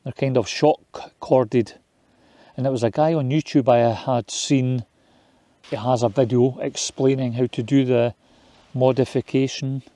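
A man's voice: mid-range voice, no echo. A man, chatting casually and matter-of-factly in a camping vlog, speaking outdoors beside a tent and inside one at night. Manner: relaxed, chatty, matter-of-fact. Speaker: outdoor vlogger.

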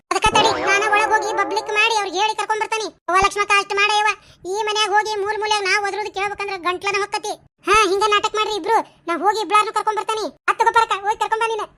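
High squeaky bickering village ladies from a cartoon, all done by one woman, north karnataka accent, rattling off lines fast. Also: level tone, pushed and bright. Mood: bantering. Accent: North Karnataka Kannada. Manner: quick, shrill, bantering dialect chatter. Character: bickering village women, a landlady and her helpers. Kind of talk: cartoon voice acting.

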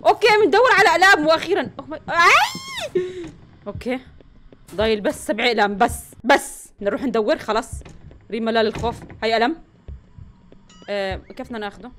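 A woman with a Levantine Arabic accent hosting a let's play, talking through the game excitedly and breaking into panicky bursts of repeated words. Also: fairly high pitch, fast, a little hiss or hum. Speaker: gaming channel host.

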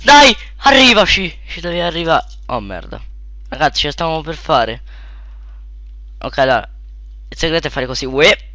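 A young man giving casual let's play commentary, shouting at sudden deaths and then muttering quietly to himself, close to a desk mic. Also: normal speed, pauses often, no room sound. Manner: excitable, yelps and shouts at in-game deaths, then mutters low.

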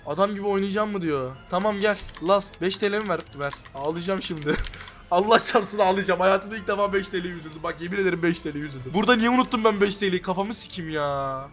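A young man narrates his own gameplay as it happens, excitable and swearing nonstop, breaking into sudden loud outcries. His voice sits a little high for a man. Faint music plays underneath. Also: fast talker, hardly any pauses. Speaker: gaming YouTuber. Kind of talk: live gameplay commentary.

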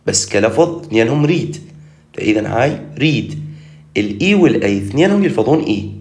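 A man with an Iraqi Arabic accent teaching English reading, sounding out words slowly and telling the viewer what to do. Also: mid-range voice, darkish tone. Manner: slow, drawn-out sounding-out of words; direct, instructs the viewer. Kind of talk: recorded online lesson.

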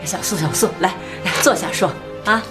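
A woman's voice: lowish voice, moderate pace, over loud music, close to an everyday voice. An actress playing a placating older mother-in-law who coaxes her son-in-law to sit down, in a TV drama. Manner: coaxing, placating. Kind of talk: TV period drama acting.

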